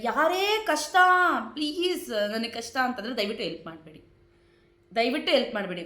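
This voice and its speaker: A woman in her thirties with a Kannada accent, talking to camera and indignantly answering her critics with repeated rhetorical questions. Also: a little high. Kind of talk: emotional direct-to-camera talk. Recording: echoey room.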